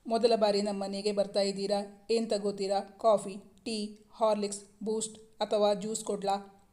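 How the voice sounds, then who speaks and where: A woman's voice: mid-range voice, little pitch movement, moderate pace, mellow, close to an everyday voice. A woman reading the lines of a friendly, talkative young hostess in an audiobook. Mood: welcoming. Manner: welcoming, talkative.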